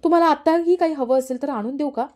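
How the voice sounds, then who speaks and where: A woman's voice: high voice, fast talker, warm tone, voice pushed up, lightly acted. A woman voicing a dutiful young daughter-in-law who answers politely and reassures, in a serial recap. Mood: obliging.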